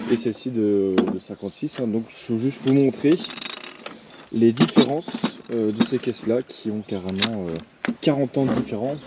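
A man, casually showing his militaria collection, hesitant with many fillers. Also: mid-range voice. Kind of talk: casual show-and-tell vlog. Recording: clear background noise with clicks.

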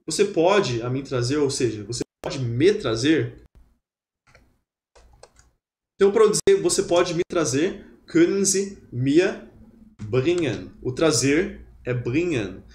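A man giving a lively, chatty webinar lesson and drilling pronunciation. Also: on the high side, a little slow. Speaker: German teacher. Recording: roomy echo.

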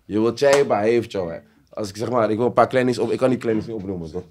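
A man's voice: on the low side, very fast, a little hiss or hum. Man telling stories in street slang. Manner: animated storytelling in street slang. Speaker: podcast host. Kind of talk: casual chat.

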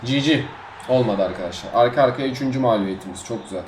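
A man giving live commentary on his own gameplay as a gaming YouTuber, swinging between low muttering and sudden outbursts. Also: fast talker, a little hiss or hum. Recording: echoey room with faint music.

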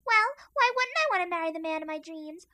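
A woman voicing an indignant, defiant young princess in an animated fan dub, shrill and melodramatic. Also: quick pace, no echo, clean studio sound, exaggerated voice. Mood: coy, defiant.

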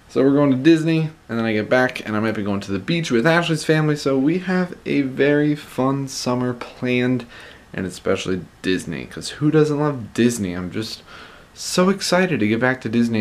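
A young man talking in a casual, conversational vlog style, leaning on words for emphasis, recorded at arm's length in a room at home. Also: mid-range voice. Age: young adult. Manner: conversational, emphatic repetition for stress. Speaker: vlogger. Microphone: camera at arm's length.

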